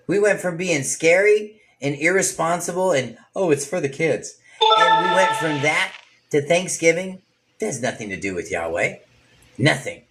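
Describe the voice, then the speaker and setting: A man leading an informal Bible study sermon, talking straight to his listeners with asides and acting out what people say. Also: a little high. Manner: casual, preachy, talks straight to listeners with asides; animated, acts out people's words in varied voices.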